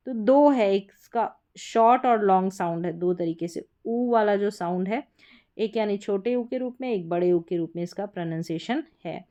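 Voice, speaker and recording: A woman's voice: medium pitch, mellow, lo-fi sound. A woman with an Indian accent teaching English pronunciation, explaining rules patiently and reading word lists aloud one word at a time. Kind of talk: explaining lesson.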